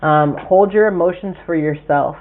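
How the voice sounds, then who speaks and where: A man's voice: on the high side, normal speed, noisy background. A man hosting a casual live tarot forecast, chatty and frank with occasional profanity as he talks straight to his viewers. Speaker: tarot reader and livestream host. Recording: tinny phone-like audio.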